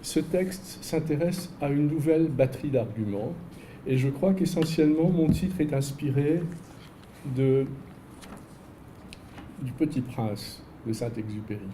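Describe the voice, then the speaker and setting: A man giving an academic lecture in a seminar, measured and posing rhetorical questions. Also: a little high, lively intonation, dark tone, slight background noise, poor audio. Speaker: invited researcher giving a lecture. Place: seminar room.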